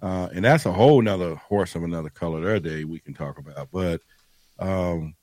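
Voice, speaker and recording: A man's voice: low-pitched, moderate pace, darkish tone, no echo. A man in his fifties talking at length as a guest in a casual podcast chat, rambling and self-deprecating. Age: 50s.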